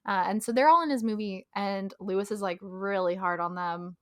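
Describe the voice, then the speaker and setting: A woman's voice: medium pitch, moderate pace, no room sound, clean studio sound. A young woman co-hosting a podcast in casual chat, talkative and laughing often, trailing off with ums. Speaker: podcast co-host.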